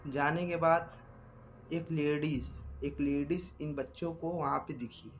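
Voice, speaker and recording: A man's voice: fairly high pitch, fairly even intonation, slow, muffled recording, slight background noise. A man telling a horror story in a casual, rambling way, full of fillers and repeats. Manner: rambling, many fillers and repetitions. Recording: voice with faint background music.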